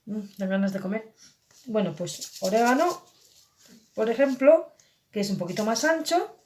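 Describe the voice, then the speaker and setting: A woman's voice: fairly high pitch, expressive, normal speed, darkish tone, a little hiss or hum. Woman teaching rhythm, chanting counts. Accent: Basque Spanish. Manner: counts rhythm syllables aloud, patient step-by-step explaining. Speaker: percussion teacher. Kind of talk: online rhythm lesson.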